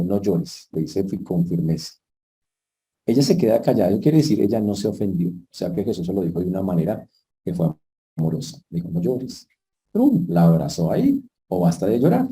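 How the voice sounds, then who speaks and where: Preacher guy telling a bible story, goes loud then soft, super dark warm voice. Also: mid-range voice. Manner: animated storytelling, sudden loud peaks and soft asides. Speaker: pastor. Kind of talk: sermon.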